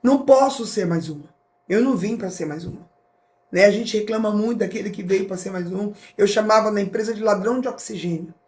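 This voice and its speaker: A middle-aged woman with a Brazilian accent, a podcast guest and motivational speaker, telling a personal story with lively acted-out dialogue. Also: mid-range voice, fairly quick, roomy sound. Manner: animated, acts out dialogue in different voices.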